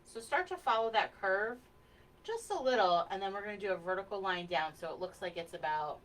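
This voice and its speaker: A woman's voice: mid-range voice, lively intonation, fairly quick, a bit bright. A woman from New Jersey leading a live painting class from a home studio, chatty and laughing often as she talks through brush steps. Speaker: painting instructor and co-host. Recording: distant mic with faint background noise.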